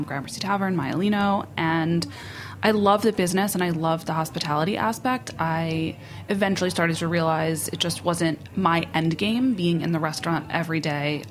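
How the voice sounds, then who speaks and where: A woman guest on a radio show, co-directing an event and talking in a friendly, rambling way with frequent restarts. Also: lowish voice. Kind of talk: casual radio chat.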